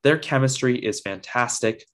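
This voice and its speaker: A man's voice: mid-range voice, moderate pace. A man reviewing a TV episode in a casual video, praising it with enthusiasm and lots of ums.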